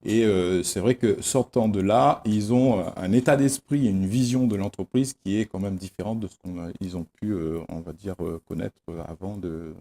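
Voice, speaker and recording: A male teacher answering interview questions in a measured, explanatory way. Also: on the low side, warm tone.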